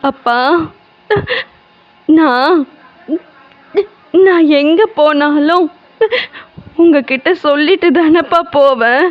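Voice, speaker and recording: An actress playing a despairing young daughter who talks to her father on the phone in a slow, weary, resigned way. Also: high-pitched, dull audio. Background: music.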